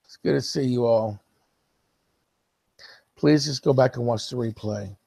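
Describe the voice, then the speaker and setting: A man's voice: medium pitch, a little slow, creaky, warm tone, dry recording. A man hosting a casual live stream, talking straight to the viewers who watch the replay and reading chat comments aloud to them. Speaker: livestream host.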